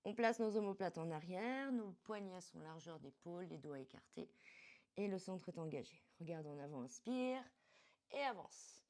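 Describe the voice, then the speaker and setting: A woman fitness coach guiding a workout step by step, calmly cueing each movement and breath. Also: lowish voice, normal speed. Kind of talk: guided workout instruction.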